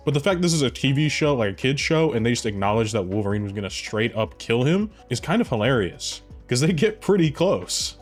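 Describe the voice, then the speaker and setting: A man giving casual commentary as a video reviewer, talking in a chatty way with offhand asides. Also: mid-range voice. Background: faint background music.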